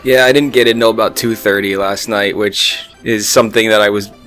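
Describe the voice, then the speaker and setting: A man in his thirties co-hosting a podcast, telling stories slowly and wryly, with chuckles along the way. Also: fairly low pitch, steady tone, fairly bright tone, faint music behind. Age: 30s. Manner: wry, slow storytelling with chuckles. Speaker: podcast co-host. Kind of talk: casual chat.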